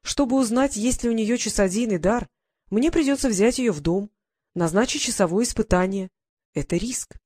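A woman voicing a calm, scheming male clockmaker lord with a dry, mocking way of talking. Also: on the high side, normal speed, no echo, pitched above the performer's own voice, close to an everyday voice. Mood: cool, ironic.

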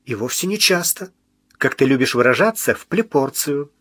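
A man's voice: medium pitch, animated, normal speed, fairly bright tone, husky, no room sound, clean studio sound. A man voicing a playful young wife who pouts, coaxes and acts offended, in an audiobook reading. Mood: indignant. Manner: pouting, coaxing, mock-offended. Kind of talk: audiobook character voice.

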